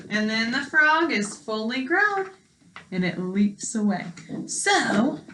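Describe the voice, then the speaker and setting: An elementary school teacher with a slightly high, bright, pushed voice reads aloud to young children. She explains things in simple words as she goes and asks her listeners questions.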